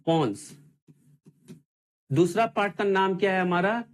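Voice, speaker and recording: A man's voice: high voice, normal speed. A man teaching an online exam-prep class, asking his students the same questions again and again in call-and-response drills.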